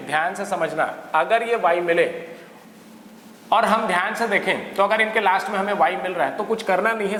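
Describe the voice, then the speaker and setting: A man with an Indian English accent teaches a grammar lesson in a fairly high voice. He explains each rule step by step and keeps checking in with his listeners. The sound is roomy with a long hall echo and a faint hum of ambience behind him. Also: a bit bright.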